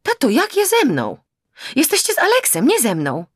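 A woman's voice: medium pitch, expressive, moderate pace, creaky, no room sound, clean studio sound, voice pushed up. A woman voicing an agitated, exasperated young woman in an audiobook, pleading and raising her voice. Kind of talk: audiobook character voice.

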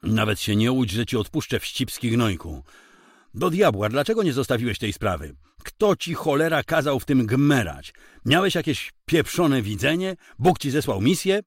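A man voicing a crude, furious male captor holding a gun, swearing and shouting threats. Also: mid-range voice, big pitch swings, normal speed, no room sound, studio quality, voice pushed up. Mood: furious threatening.

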